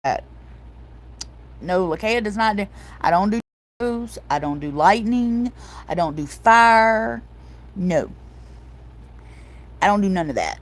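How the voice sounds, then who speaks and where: Middle-aged female host, casual livestream chat, lively storyteller. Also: medium pitch, slow, long pauses. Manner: animated storytelling, addresses viewers as y'all.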